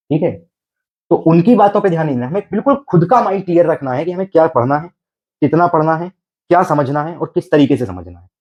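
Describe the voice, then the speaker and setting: A man's voice: a little high, a little mellow, highs cut off. A man teaching an exam preparation class, coaxing his students with repeated rhetorical questions and frequent check-ins. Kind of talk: exam coaching lecture.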